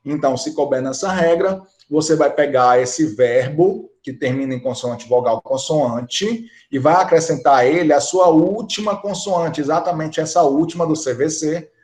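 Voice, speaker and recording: A man's voice: fairly high pitch, normal speed, hardly any pauses, darkish tone, roomy sound. A man with a Brazilian Portuguese accent teaching an English grammar lesson, explaining each rule step by step and often checking in with the class. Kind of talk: recorded online grammar lesson.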